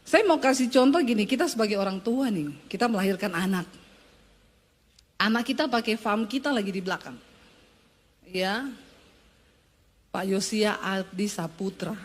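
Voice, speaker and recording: A woman pastor giving a lively, conversational sermon in church, teasing and questioning the congregation. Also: moderate pace, pauses often. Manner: pitch swings wide for emphasis.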